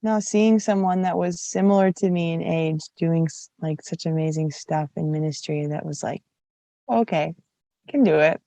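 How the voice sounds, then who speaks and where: Woman podcast host, gravelly morning voice, chatty and filler-heavy, dry close mic. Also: deep voice, level tone, normal speed, few pauses, warm tone, no echo, low-quality recording. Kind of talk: casual chat.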